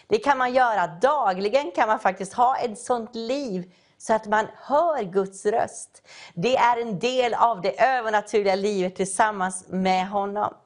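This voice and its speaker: A woman preacher, giving a sermon and telling a Bible story, acting out its characters' voices. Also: medium pitch. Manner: acts out story voices, calling out.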